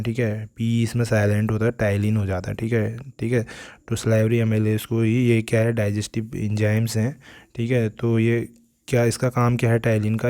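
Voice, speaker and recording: A man teaching exam prep in a casual lecture. He keeps saying "theek hai" after each point and reads the exam questions out slowly. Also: medium pitch, dark tone. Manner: says "theek hai" after nearly every point, mixing in English terms.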